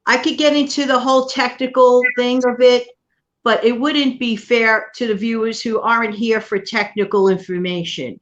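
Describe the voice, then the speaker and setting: A chatty woman from New York City hosts a casual livestream, her voice sitting a little high. She rambles warmly through thanks and stories. The audio is dull and lo-fi. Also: fairly even intonation, moderate pace. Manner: chatty, warm thanks to viewers and co-host. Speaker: channel host.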